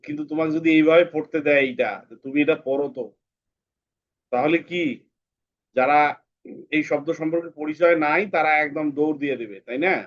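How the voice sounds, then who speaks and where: Male teacher, patient with children, repeats words slowly; somewhat high voice, muffled lo-fi audio. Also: fairly even intonation. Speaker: English teacher. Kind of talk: online class for children. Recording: dull lo-fi sound.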